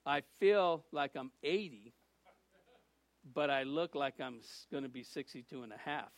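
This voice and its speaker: A preacher in his sixties delivers an informal sermon in an unhurried, mid-range voice. His delivery is loose and folksy, full of restarts and little jokes.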